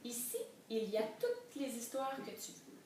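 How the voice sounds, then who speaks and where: A woman voicing a calm, resourceful governess who speaks gently, recorded in a very echoey room from a distant mic. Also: fairly high pitch, moderate pace, a little hiss or hum, voice pushed up. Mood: reassuring.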